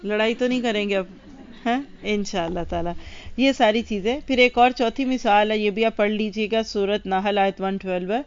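A woman's voice: mid-range voice, fairly even intonation, clear, resonant tone, dull audio. A woman religious teacher giving a lesson to women, speaking earnestly and addressing her listeners directly.

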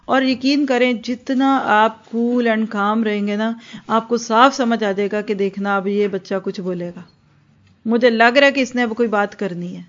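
A woman's voice: fairly high pitch, steady tone. Woman giving a religious talk, lo-fi. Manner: earnest, acts out mothers and children in quoted asides. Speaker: religious teacher. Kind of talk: religious lecture. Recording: dull lo-fi recording.

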